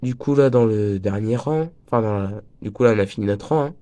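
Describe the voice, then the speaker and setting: This crochet tutorial host is a teenage boy whose voice is breaking and a bit stuffy from a slight cold. He speaks low and briskly with a mellow tone, keeping things chatty and jokey and often wandering away from the lesson.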